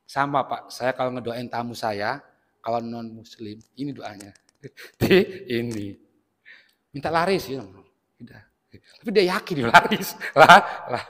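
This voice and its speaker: Male preacher with a Javanese-inflected accent, slow and bright-voiced, jokey sermon with call-and-response tags, long hall echo. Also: mid-range voice. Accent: Javanese-inflected Indonesian. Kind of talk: mosque sermon. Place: mosque hall.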